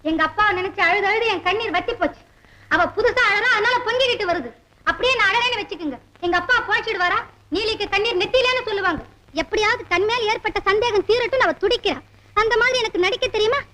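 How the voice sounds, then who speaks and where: A woman's voice: extremely high pitch, fast talker, sharp tone. An actress playing a proud, wounded young woman in a 1960s family film drama, speaking with emotional, indignant delivery. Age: young adult. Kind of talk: 1960s Tamil film acting. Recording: 1960s film soundtrack with music.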